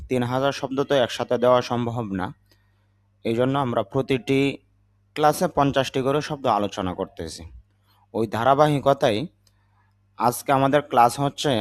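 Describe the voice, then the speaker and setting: With a medium-pitched voice and no echo in the room, a man teaches English vocabulary. He is a native Bengali speaker who patiently repeats every word and explains what it means.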